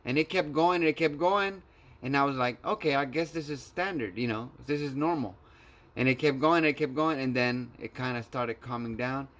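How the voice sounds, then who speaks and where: A man's voice: mid-range voice, normal speed, fairly bright tone. A man telling stories in casual chat, slangy and full of swearing.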